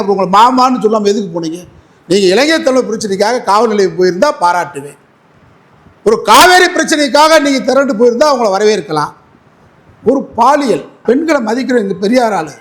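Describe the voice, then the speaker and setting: A man's voice: very high voice, expressive, a little fast, fairly bright tone. A man speaking as an advocate in a heated political interview, combative and mocking, repeating his points.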